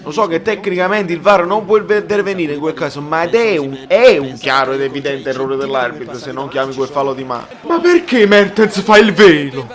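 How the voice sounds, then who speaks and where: A man reacting live to a football match as a fan, emotional and exclamatory, with swearing and bursts of shouting. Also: fairly high pitch, a little fast, few pauses.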